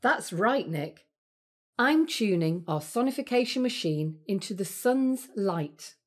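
A woman playing a calm spacecraft captain, narrating a scripted planetarium tour with a steady, measured cadence. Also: medium pitch, noisy background. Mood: calm, guiding.

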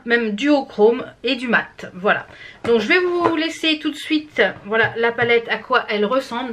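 Woman, beauty vlogger, casual review, fairly high voice, hesitant fillers. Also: a bit bright. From France. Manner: chatty, many fillers and restarts.

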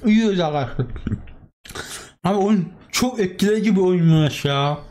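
A man hosting a horror game let's play, jumpy and excitable, blurting frightened exclamations and muttering prayers under his breath. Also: high-pitched, normal speed. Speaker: gaming channel host.

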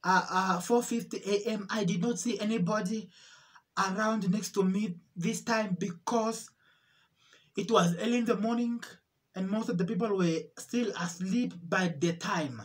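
A woman giving an emotional religious testimony, repeating herself and pleading, her voice rising into cries and halting with restarts. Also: medium pitch. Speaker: testimony speaker.

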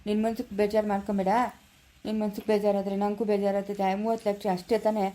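A woman's voice: mid-range voice, level tone, fast, mellow, lightly acted. A woman voicing an aging, placating mother-in-law with a rural Karnataka Kannada accent in a cartoon family drama. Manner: placating, soothing.

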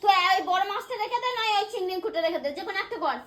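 A woman bossily scolding and shouting back in a staged family quarrel. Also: very high voice, expressive, racing, echoey room. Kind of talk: scripted family quarrel sketch.

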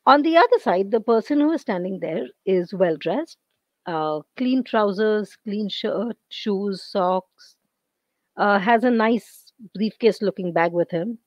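A woman lecturer with an Indian English accent teaching over a video call, her voice going hoarse and her throat often cleared. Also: medium pitch, animated, takes it slowly, no room sound, lo-fi sound. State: losing her voice. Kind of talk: online lecture.

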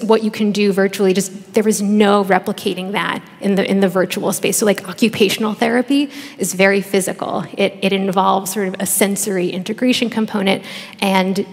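A woman's voice: medium pitch, flat delivery, moderate pace. A woman in her thirties, a researcher and author on a conference panel, answering thoughtfully with many fillers and restarts into a headset mic. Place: large conference stage. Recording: long reverb of a large hall.

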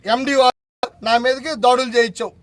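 A man, a local party leader giving a heated, confrontational press conference statement and repeatedly shouting insults. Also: very high voice, fairly even intonation, brisk, slight background noise.

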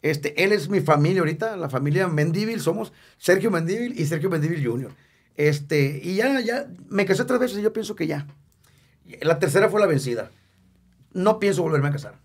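A Mexican singer in his fifties appears as a guest in a casual interview, speaking candidly and emotionally, joking and repeating words for emphasis. His fairly high voice is expressive and slightly rough, at a normal speed.

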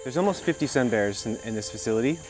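A man in his thirties giving unscripted, halting and reflective explanations as a wildlife guide. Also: medium pitch, expressive, over music, low-quality recording. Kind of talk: unscripted talk to camera. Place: outdoors at an animal sanctuary.

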